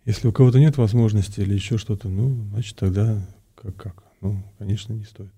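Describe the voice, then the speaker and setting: A man's voice: fairly low pitch, steady tone, a little fast, warm tone, husky. A man, a priest being interviewed, explains things conversationally, often repeating words and searching for his phrasing. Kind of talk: conversational explanation, answering questions.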